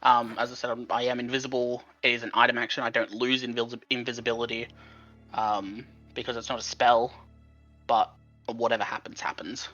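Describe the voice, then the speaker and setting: A man's voice: medium pitch, level tone, fairly quick, bright, forceful tone. A man playing a tabletop game who explains the rules methodically. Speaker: player. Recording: dull sound, faint music.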